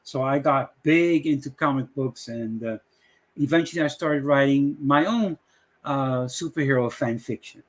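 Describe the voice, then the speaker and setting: This channel host is a middle-aged man from the Dutch West Indies whose Dutch accent colors a loose, filler-heavy ramble. At medium pitch and a moderate pace, he opens a casual screen-share tutorial.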